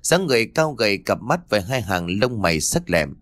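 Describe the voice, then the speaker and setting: A man narrating a horror audiobook in an expressive, dramatic storytelling manner. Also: lowish voice, fairly quick, no echo. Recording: dry close studio read, faint music.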